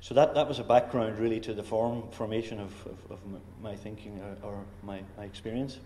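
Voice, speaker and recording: A man speaks reflectively on a festival panel and pauses often to find words. His voice is low and mellow. The room is roomy and echoing, with faint background noise. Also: steady tone. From Northern Ireland. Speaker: visiting artist. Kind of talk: casual panel talk.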